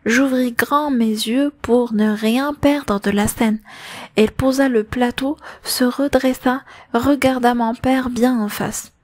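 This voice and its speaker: High-voiced woman reading a novel aloud. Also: steady tone, slow pace, darkish tone, dry recording. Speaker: audiobook narrator.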